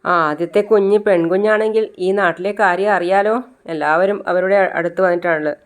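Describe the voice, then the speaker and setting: Smooth-voiced casual storyteller. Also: medium pitch, steady tone, moderate pace. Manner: conversational, fillers and restarts. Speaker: storyteller retelling a serial.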